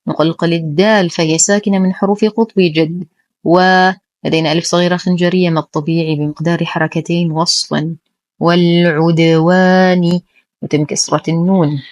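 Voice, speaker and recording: Soft low-pitched woman teaching recitation. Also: steady tone, no room sound, lo-fi sound. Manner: careful, precise, slow drawn-out recitation of examples. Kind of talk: tajweed lesson, explaining then reciting slowly.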